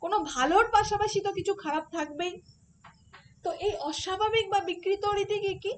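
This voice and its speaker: A woman's voice: very high-pitched, fairly quick, a little hiss or hum. A woman teaching a phonetics lesson for an exam, explaining step by step and asking rhetorical questions. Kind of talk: online exam-prep lesson.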